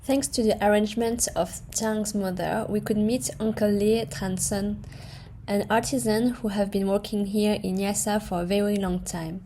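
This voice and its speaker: A fashion designer from France with a French accent, narrating her trip in a measured, clear voice-over. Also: mid-range voice, fairly even intonation, dark tone, slight background noise.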